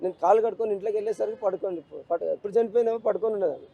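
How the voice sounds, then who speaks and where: A man's voice: high voice, very fast, creaky, dark tone, dull audio. A middle-aged grieving father, speaking in an emotional street interview, pleading and repeating himself. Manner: grief-stricken, repetitive, pleading.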